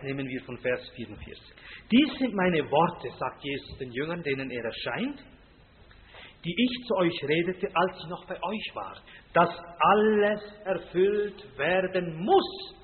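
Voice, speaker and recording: A man preaching a sermon, loud and emphatic on scripture, dropping quiet for stories, often ending with a tag question. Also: on the high side, slight background noise. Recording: tinny phone-like sound with long reverb from a hall.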